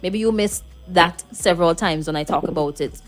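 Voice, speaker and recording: A woman's voice: fairly low pitch, normal speed, faint music behind. A woman with a Vincentian accent hosting a live radio call-in casually, firm and teasing as she steers the talk. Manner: firm, teasing, keeps callers on track.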